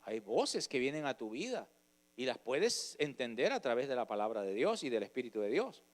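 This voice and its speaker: A man preaching a sermon, passionate, moving from quiet storytelling to loud urging. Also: medium pitch, sing-song, normal speed.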